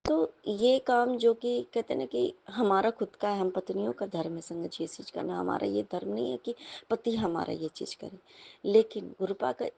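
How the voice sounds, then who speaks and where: Gravelly, husky woman sharing devotional stories. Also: mid-range voice, moderate pace, dark tone. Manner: earnest, repeatedly addressing the listeners as sangat ji. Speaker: satsang speaker. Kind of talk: devotional sharing of personal experiences.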